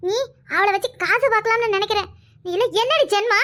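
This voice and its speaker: A woman's voice: very high-pitched, a little fast, fairly bright tone. A woman voicing a distraught, tearful village woman in a cartoon, wailing, pleading and scolding with a Kanyakumari Tamil accent. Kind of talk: cartoon voice acting.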